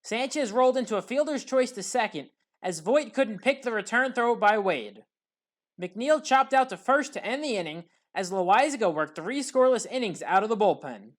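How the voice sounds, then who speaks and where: Recapping the action as a commentator, a woman narrates sports highlights from a scripted play-by-play in a fairly high voice.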